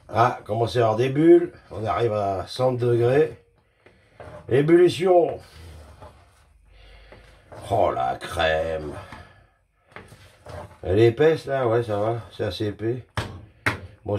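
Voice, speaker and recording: A man's voice: mid-range voice, expressive, unhurried, long pauses, warm tone. Joking, foul-mouthed man cooking at home. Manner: joking, self-mocking, crude swearing; talks to the viewer while cooking. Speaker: home cook vlogger. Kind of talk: casual cooking vlog chat. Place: home kitchen.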